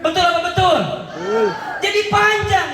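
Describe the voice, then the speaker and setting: A man's voice: very high-pitched, very animated, moderate pace, noisy background. A man preaching a humorous sermon, quizzing the congregation and acting out scenes. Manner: joking, questions the crowd, acts out scenes. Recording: echoey hall, mic far off.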